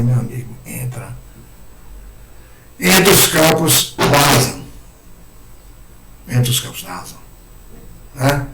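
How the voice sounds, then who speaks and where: Hoarse, animated man lecturing from afar. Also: high voice. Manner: animated, acts out imagined people's words. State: hoarse throat. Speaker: lecturer at a spiritist center. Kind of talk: spiritist lecture. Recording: echoey room, far mic, loud noise.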